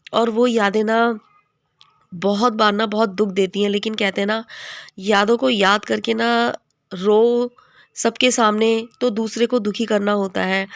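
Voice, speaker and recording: A woman in her thirties from India with a hoarse voice from a cold, chatting to her viewers about home life in a casual vlog. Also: mid-range voice, dry recording, studio quality. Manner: chatty, homely, talking straight to her viewers. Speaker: vlogger.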